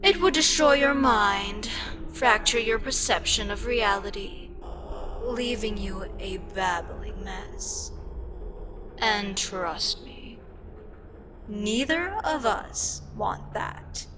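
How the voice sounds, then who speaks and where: Taking on the role of an eldritch deity in ASMR audio, this woman speaks unhurriedly and with dry sarcasm, condescending, frustrated, yet wryly amused. Her voice sits mid-range, and background noise can be heard.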